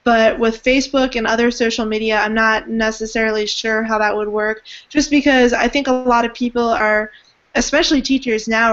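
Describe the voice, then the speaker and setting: A woman's voice: a little high, highs cut off. A young woman leading an online group discussion, talking hesitantly with many fillers, over a video call. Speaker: education student leading a group hangout.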